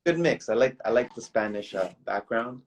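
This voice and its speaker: A man's voice: medium pitch, lively intonation, normal speed, rough recording. A young man from Toronto, a guest recording artist, chatting in an easygoing, rambling way and calling the host bro and man. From Toronto, Canada. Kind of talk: casual interview chat.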